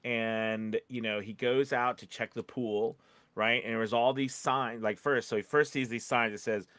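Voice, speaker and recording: His delivery is steady and at normal speed, medium in pitch and fairly bright, with no echo. He is a voice-over coach co-hosting a podcast, giving advice in an informal, encouraging way, acting out small example quotes and regularly asking "you know what I mean" to make sure he's understood.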